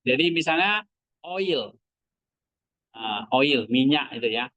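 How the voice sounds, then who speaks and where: A man's voice: high voice, bright, forceful tone, dry recording, rough recording. A man teaching a class, asking his students short questions as he goes. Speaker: Greek language teacher. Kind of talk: classroom lesson.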